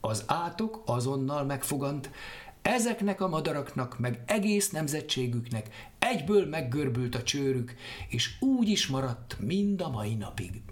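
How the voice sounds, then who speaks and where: Lively man reading a folk tale. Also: mid-range voice. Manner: lively, expressive. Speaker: narrator.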